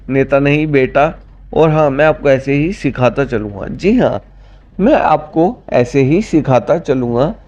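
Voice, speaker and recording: A man with an Indian accent teaching children, spelling words out letter by letter in a slow, patient way. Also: a little high, a little mellow. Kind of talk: children's lesson. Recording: dull lo-fi audio.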